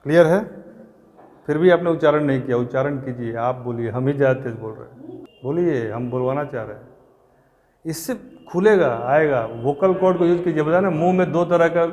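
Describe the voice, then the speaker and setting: A man teaching a classroom of exam students, repeating terms slowly and quizzing and scolding his students. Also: on the high side, a little mellow. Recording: reverberant classroom.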